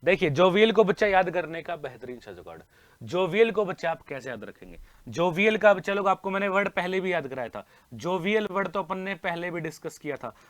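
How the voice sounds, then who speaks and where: An energetic Indian man teaches vocabulary to exam students, mixing Hindi with English words and asking the class the same question over and over. His voice sits high for a man, recorded dry and close to the mic. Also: brisk, dry recording. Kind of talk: online exam-prep class.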